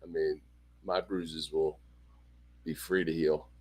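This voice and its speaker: A man's voice: very deep voice, flat delivery, slow pace, slightly rough. A man chatting casually on a livestream as a host, with a teasing, wry manner. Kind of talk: casual group chat on a livestream.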